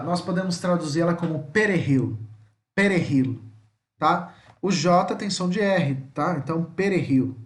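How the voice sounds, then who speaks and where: A Brazilian man teaching a slide-based lesson, patiently repeating each word slowly and checking in with his listeners. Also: fairly high pitch, echoey room. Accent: Brazilian Portuguese.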